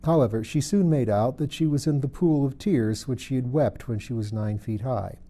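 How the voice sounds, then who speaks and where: A man's voice: mid-range voice, normal speed, warm tone. A man reading a children's storybook aloud as scripted narration. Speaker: audiobook reader.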